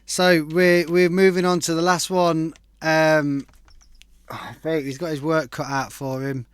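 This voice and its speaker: A man's voice: a little high, flat delivery, measured pace, smooth, no room sound. A man hosting a live stream, giving blunt, sweary, slang-heavy feedback on tracks. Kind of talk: casual chat. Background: faint music playback.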